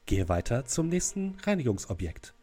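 A man voicing a cleaning drone's robot announcement in a flat robotic monotone, slow and even. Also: medium pitch. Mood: mechanical. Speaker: game master.

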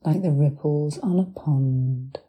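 A woman with a low, very dark and mellow voice leads a guided hypnosis meditation. She speaks extremely slowly in short, soothing phrases with long pauses, softly breathy and often sinking into a whisper. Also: soft background music. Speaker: hypnotherapist guiding relaxation.

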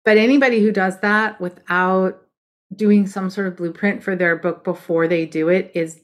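A woman's voice: medium pitch, fairly even intonation, normal speed. A woman book coach chatting as a podcast guest, emphatic and direct about how writing should be done. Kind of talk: casual podcast conversation.

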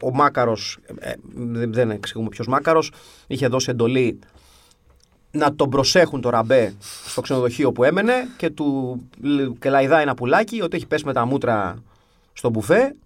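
With no room sound and a medium-pitched, expressive voice, a half-English podcast co-host spins stories in casual chat. There's a wry, grumbling edge to his humor.

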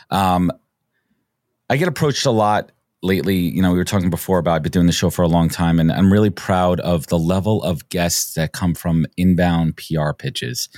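A man hosting a podcast interview, eager and chatty, often repeating words as he gets excited. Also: low voice, dry recording, studio quality. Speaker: podcast host. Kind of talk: enthusiastic interview chat.

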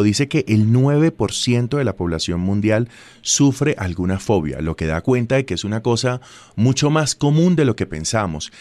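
A man hosting a radio interview, asking questions in a calm, measured way. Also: on the low side, dry recording. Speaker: radio host.

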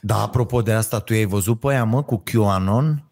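A man's voice: fairly low pitch, darkish tone. A man co-hosting a casual political chat, blunt and mocking, who swears freely.

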